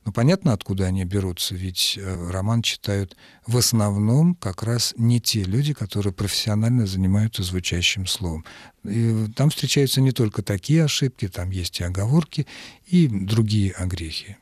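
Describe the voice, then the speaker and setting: A man answering listeners' questions about language on a radio call-in show, explaining at a measured pace with occasional hesitations. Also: on the low side, no room sound, studio quality. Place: radio studio.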